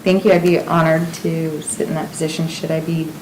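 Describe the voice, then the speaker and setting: A woman's voice: low-pitched, level tone, a little fast, background noise. A woman on a board, making brief formal nominations and seconds. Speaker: board member. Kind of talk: speaking at a board meeting.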